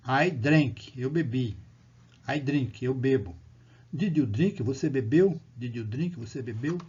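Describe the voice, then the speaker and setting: A man from Brazil teaches basic English grammar, talking patiently and repeating each example. His voice is mellow and a little husky. The recording sounds dull and lo-fi. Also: mid-range voice. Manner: explains patiently in Portuguese, reads English lines slowly and loudly, repeats them. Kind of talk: recorded language lesson.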